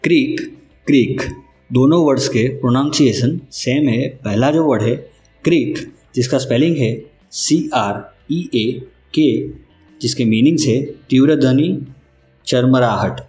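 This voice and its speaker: Guy doing a vocab lesson, really slow and careful, spells stuff out, echoey room. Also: medium pitch, a little mellow. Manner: slow, deliberate, spells words out letter by letter. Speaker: vocabulary teacher. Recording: roomy echo with faint music.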